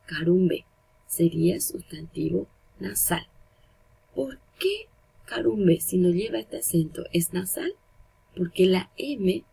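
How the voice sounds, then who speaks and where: A woman's voice: on the low side, gravelly, dark tone, slightly rough, low-quality recording. A woman teacher, giving a recorded language lesson and patiently explaining step by step while repeating the example words.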